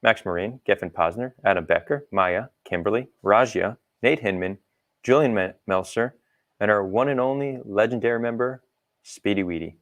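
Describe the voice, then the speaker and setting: A man hosting and moderating an online roundtable over a video call, brisk and upbeat with a few fillers. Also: lowish voice. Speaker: host.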